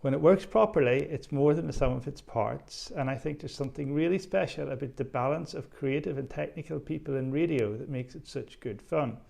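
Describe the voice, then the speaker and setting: A man's voice: mid-range voice, brisk, gravelly, few pauses, a little mellow. A middle-aged man giving a recorded personal message in plain, conversational speech. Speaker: former student radio volunteer.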